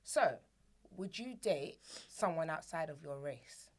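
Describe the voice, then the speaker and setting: A woman's voice: low-pitched, lively intonation, slow pace. Woman co-hosting, slangy casual chat, bit of a tease. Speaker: co-host.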